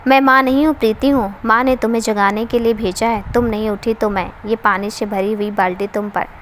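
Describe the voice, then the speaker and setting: A woman's voice: on the high side, fairly even intonation, fairly quick, slight background noise, close to an everyday voice. A woman voicing a mischievous teenage younger sister in a read-aloud family story.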